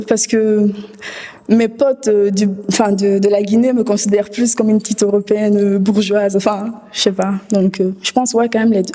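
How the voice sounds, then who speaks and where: A young woman, animated but unsure of her answer. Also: medium pitch. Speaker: interviewee.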